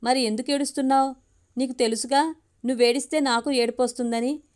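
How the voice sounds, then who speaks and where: A woman voicing a caring grandmother in a told story, gentle and soothing. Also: high voice, fairly even intonation, fairly quick, natural voice.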